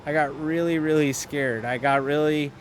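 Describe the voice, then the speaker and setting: Slight background noise accompanies this man's fairly high voice, which keeps a fairly even intonation. While racing in a sim on stream, he chats loosely between driving calls, restarting sentences often, interrupting himself and laughing quickly.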